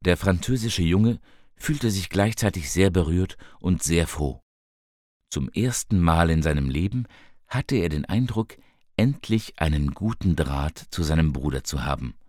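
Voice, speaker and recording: A man narrates a storybook tale at a slow, unhurried pace, his voice sitting very low. He reads calmly and lifts his pitch when he quotes the characters. The recording is dry and close, with no room sound around him. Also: dry recording.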